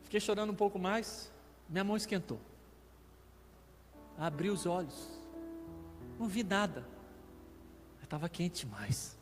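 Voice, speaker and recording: A man's voice: high-pitched, expressive, a little slow, pauses often. A Brazilian man preaching as a guest pastor, telling a personal testimony as a vivid storyteller who acts out the dialogue. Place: church sanctuary. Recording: reverberant church hall with faint music.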